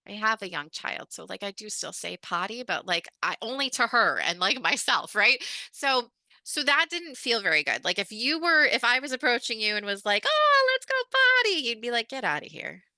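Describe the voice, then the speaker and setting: A woman's voice: medium pitch, expressive, moderate pace, bright, forceful tone, no room sound. A woman leading a webinar on communication skills, talking in a chatty, informal way with lots of "um" and "like". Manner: chatty and informal, heavy on fillers like "um" and "like". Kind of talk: casual webinar instruction.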